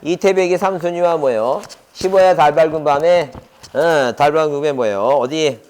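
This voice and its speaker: A man's voice: a little high, moderate pace, clear, resonant tone. A middle-aged man giving an exam-prep lecture, constantly quizzing his students with rhetorical questions and drilling memory tricks. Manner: mnemonic chanting, lively delivery.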